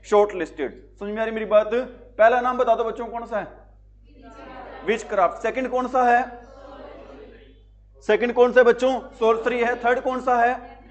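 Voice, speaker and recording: A man's voice: very high voice, fairly even intonation, moderate pace, pauses often. A man teaching an exam-prep vocabulary lesson, repeating each question and answering it himself. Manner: repetitive, quizzing students with call-and-answer questions.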